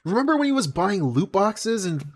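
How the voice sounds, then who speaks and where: A man's voice: high voice, big pitch swings, normal speed. A man streaming a reaction video, talking over it with blunt, mocking remarks and plenty of swearing. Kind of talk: casual reaction commentary.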